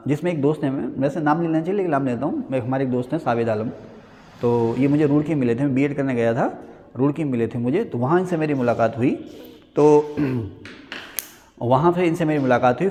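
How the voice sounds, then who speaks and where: A high-pitched man lectures on history to a class, asking a question and answering it himself as he goes. He chats and jokes with the students between points. His voice rings with a long reverb in the room. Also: darkish tone. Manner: repeats key answers as quiz-style questions. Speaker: history teacher at a coaching academy.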